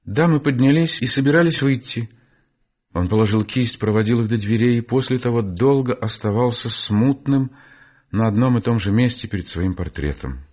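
Brief: male audiobook narrator, mid-range voice, steady and measured classic-literature reading. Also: mid-range voice.

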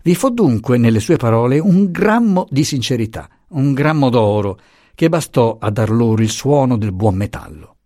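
A man narrating a classic novel as an audiobook, measured and expressive, recorded close on a studio mic. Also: mid-range voice, no echo.

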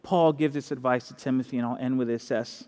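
A male pastor from the Dominican Republic preaches a sermon in an animated, conversational style, repeating key phrases and tossing in asides. His mid-range voice moves a little fast, followed by a long reverb tail.

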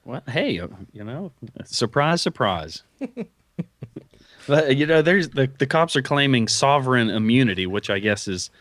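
A man's voice: medium pitch, lively intonation, normal speed, a bit bright, dry recording, studio quality. A man chatting casually as a co-host, relaying news in a wry, offhand way. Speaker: co-host reporting news stories. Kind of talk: casual chat.

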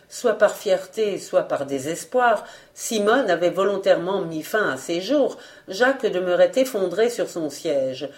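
A woman reading a novel aloud as narrator, in an expressive, dramatic way. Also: fairly low pitch. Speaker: audiobook reader. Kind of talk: scripted narration.

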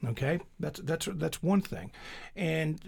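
Husky-voiced male radio host. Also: a little high, expressive, slow pace, darkish tone. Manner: conversational, folksy asides. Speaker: radio talk show host. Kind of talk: public radio interview.

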